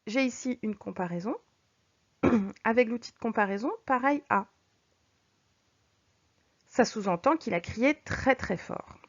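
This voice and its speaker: A woman teacher explaining figures of speech to her students, patient, reading examples slowly and clearly. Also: fairly high pitch. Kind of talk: recorded French lesson. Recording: dull lo-fi recording.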